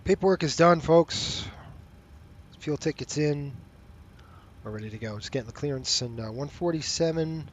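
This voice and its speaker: A man's voice: on the high side, moderate pace. A man talking like a pilot on a cockpit headset, mixing clipped procedural callouts and radio calls with casual, offhand muttering. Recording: noisy, with background cockpit ambience.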